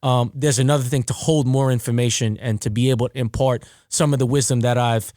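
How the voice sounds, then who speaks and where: A man's voice: mid-range voice, fairly even intonation, brisk, darkish tone, no echo, clean studio sound. A man hosting a casual podcast conversation, talking reflectively like a mentor and asking his guest leading questions. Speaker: podcast host and referee.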